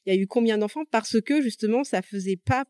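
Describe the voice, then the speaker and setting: A woman's voice: on the high side, fast talker, darkish tone, dry recording. A woman co-hosting a podcast in casual conversation, working her way through her thoughts with hesitations and repeated words. She is recorded close and dry. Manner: searching for words, many fillers and repetitions. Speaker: podcast co-host.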